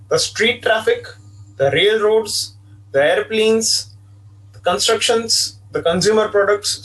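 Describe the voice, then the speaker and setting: Delivering an online class, a man with a fairly high, slightly bright voice walks through the material step by step, repeating points and frequently dropping in "okay." The microphone is set some distance away, so he sounds far off.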